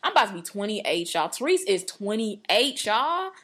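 Her mid-range voice is very animated and a touch bright, moving at a normal pace. A podcast co-host in her late twenties, she rambles earnestly through casual faith talk at length, full of "like," fillers, and restarts.

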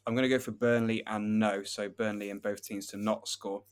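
A man co-hosting a football betting podcast, running through odds and trends in a relaxed, steady way. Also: lowish voice, moderate pace. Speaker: podcast co-host, betting tipster. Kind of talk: casual football betting chat.

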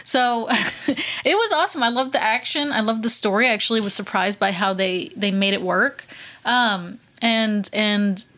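A woman's voice: mid-range voice, normal speed, a bit bright. A woman co-hosting a casual podcast, chatty and enthusiastic as she gives her reviews. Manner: upbeat, enthusiastic, chatty with frequent laughs. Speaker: podcast co-host.

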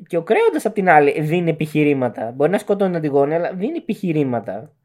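Animated podcast co-host. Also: male voice, a little high. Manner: animated, mocking outbursts. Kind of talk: casual chat.

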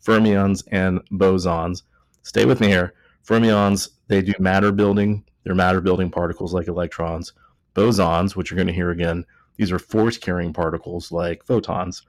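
At a moderate pace and with fairly even intonation, a man's low voice comes through with no room sound. The Texan podcast host is tipsy from beer, joking and rambling in casual chat while he keeps correcting himself.

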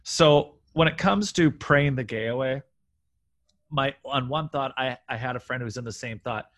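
Rambling animated man on a podcast. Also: mid-range voice, normal speed. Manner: rambling, animated, many restarts. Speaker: podcast guest. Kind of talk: casual podcast chat. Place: room near a railway line.

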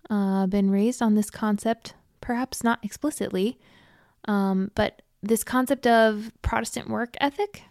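A woman's voice: mid-range voice, a little mellow, dry recording, clean studio sound. A young woman from the United States hosting a candid, self-deprecating personal talk, with frequent ums and uhs. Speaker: host.

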